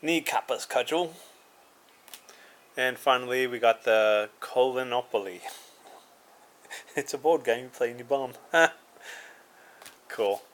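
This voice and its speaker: A man's voice: mid-range voice, a little slow, pauses often, a bit bright, poor audio. A man casually reviewing a card game, reading card names aloud with dry asides and chuckles.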